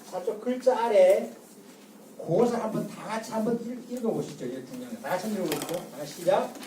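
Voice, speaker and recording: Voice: mid-range voice, expressive, fast, warm tone, slight background noise. An older lecturer giving a public talk, drilling the audience with call-and-response and repeated rhetorical questions. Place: lecture room. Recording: echoey lecture room from far off.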